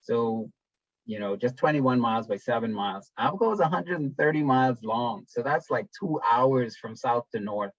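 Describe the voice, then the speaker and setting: A man's voice: mid-range voice, normal speed, dry recording. Man from the Bahamas, webinar presenter, laid-back with ums, dull dry video-call sound. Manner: relaxed, conversational, with frequent ums and restarts.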